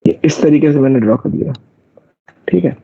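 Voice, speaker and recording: A man's voice: a little high, normal speed, gravelly, a little hiss or hum. A man teaching math in a live online class, explaining step by step and checking whether his students follow. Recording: dull lo-fi dry recording.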